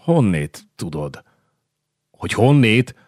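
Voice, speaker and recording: A man voicing a gruff, hot-tempered middle-aged nobleman who bellows and curses bluntly in an audiobook. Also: on the low side, very animated, a little mellow, no echo, studio quality, voice pushed up. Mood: urgent. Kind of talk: audiobook character voice.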